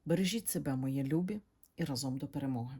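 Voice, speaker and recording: Low husky woman giving a tarot reading. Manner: gentle, halting, addresses viewers as dears. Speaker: tarot reader.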